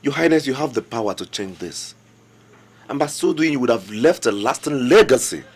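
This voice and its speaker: A man's voice: mid-range voice, animated, normal speed, husky. An actor playing a respectful but insistent young local government chairman with a Nigerian accent, earnest and deferential while pressing his point. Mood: pleading. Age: young adult. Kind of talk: film drama acting.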